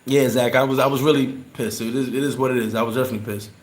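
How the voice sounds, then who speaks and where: A man chatting casually on a livestream, reading and answering his viewers. He talks in a loose, rambling way, often restarting and repeating words. His mid-pitched voice carries a noticeable roomy echo. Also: fairly even intonation, rapid-fire. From New York. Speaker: livestream host answering chat.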